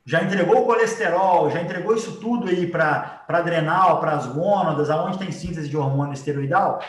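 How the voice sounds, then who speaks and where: A man's voice: on the high side, normal speed, far from the mic. A man with a Brazilian accent giving an informal, explanatory lecture as a teacher, often checking in with short tag questions. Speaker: biology teacher. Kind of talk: informal live lecture with drawing. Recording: echoey room.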